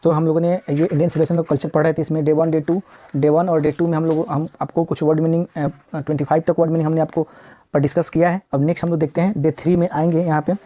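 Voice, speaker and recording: A woman's voice: low-pitched, little pitch movement, dark tone. A woman teaching a recorded vocabulary lesson, repeating each word and asking her students rhetorical questions as she sounds out the spelling. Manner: drills words by repeating them and asks rhetorical questions; slows down to spell and sound out words.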